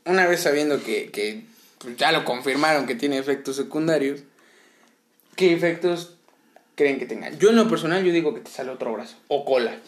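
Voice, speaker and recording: A young man with a Mexican accent, his voice pitched a little high, jokes crudely and teases his friends. He sounds like he is in an echoey room. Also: moderate pace. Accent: Mexican Spanish. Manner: crude, teasing, laughs often. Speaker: podcast host reading news. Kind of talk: casual joking chat.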